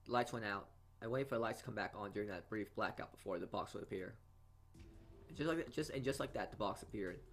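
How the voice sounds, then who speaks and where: With game music in the background, a man voices visual novel narration for a let's play, regularly fumbling words. He speaks fast in a lowish, slightly bright voice.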